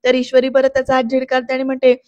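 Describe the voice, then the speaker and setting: Brief: female reviewer, chatty voice-over recap, high and fairly even delivery. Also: very fast, lo-fi sound, a little hiss or hum. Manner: chatty, addresses viewers directly. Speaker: serial episode reviewer. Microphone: close voice-over mic.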